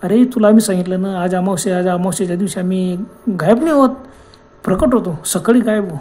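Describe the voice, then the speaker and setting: A woman's voice: mid-range voice, quick pace, mellow, close to an everyday voice. A woman voicing a playful male ghost who drives a bus, speaking in a teasing, matter-of-fact way.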